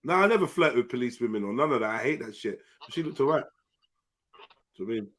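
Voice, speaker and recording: A man's voice: mid-range voice, expressive, fast talker. A man with a south London accent, bantering casually as he hosts a live online panel. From Peckham, south London. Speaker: live panel show host.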